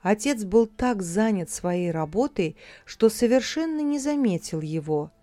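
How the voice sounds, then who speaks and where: A woman narrating a fairy tale audiobook in a calm, expressive storytelling manner. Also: mid-range voice, unhurried, dry recording.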